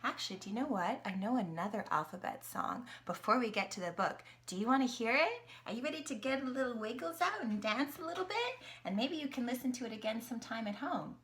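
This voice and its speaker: A Canadian woman reads a picture book to a young child, asking questions, gasping at the illustrations, and singing along. Her slightly high, fairly bright voice is animated and fast with few pauses, over slight background noise.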